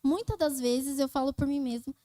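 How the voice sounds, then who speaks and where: A woman's voice: sits high, moderate pace, dark tone, no echo. A young woman sharing a chatty church testimony with a Brazilian Portuguese accent, often calling her listeners brothers and sisters. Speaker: youth speaker.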